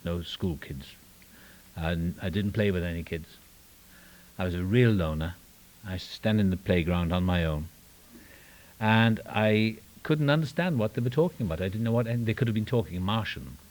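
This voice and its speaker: A low-pitched, darkish voice at normal speed belongs to an older man with a Welsh accent, giving personal testimony at a recovery meeting in a meeting room. He pokes wry fun at himself and drifts into rambling asides, restarting and trailing off.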